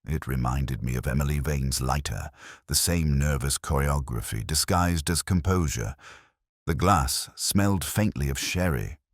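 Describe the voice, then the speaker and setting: An actor playing a melancholy, reflective police inspector, narrating his case in a measured, literary, brooding manner. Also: very deep voice, dry recording, studio quality. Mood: pensive. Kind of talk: scripted first-person detective narration.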